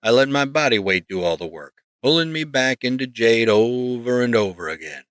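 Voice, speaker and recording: Bright-voiced male audiobook narrator. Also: mid-range voice, lively intonation, normal speed, smooth, no room sound. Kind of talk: first-person scripted narration.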